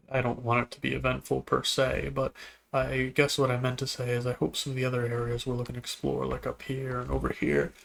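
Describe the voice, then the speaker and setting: A man giving relaxed, musing commentary while playing a video game, now and then talking to things on screen. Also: mid-range voice, vocal fry, slight background noise. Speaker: gameplay video host. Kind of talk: casual gameplay commentary.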